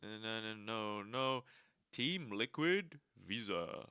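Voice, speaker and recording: A man putting on a slow flat robot voice. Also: fairly low pitch, clear, resonant tone, no echo, studio quality, voice pushed down, full character voice. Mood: robotic, flat. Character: flat robotic caster voice, male. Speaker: streamer co-watching a match.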